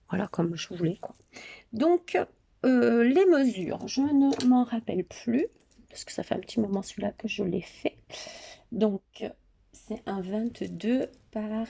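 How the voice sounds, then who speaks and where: A woman with a gravelly, husky and mellow voice walks through a handmade scrapbook album. Her talk is casual and unscripted, full of hesitations and restarts. She often sinks into a soft half-whisper. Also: mid-range voice. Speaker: scrapbooking vlogger. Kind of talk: casual craft show-and-tell.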